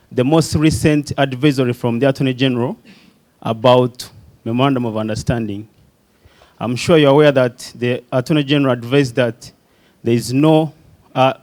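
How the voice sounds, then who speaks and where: A man's voice: mid-range voice, darkish tone. A young man speaking from the floor at a conference, earnest, with some restarts. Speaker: audience member, youth entrepreneur.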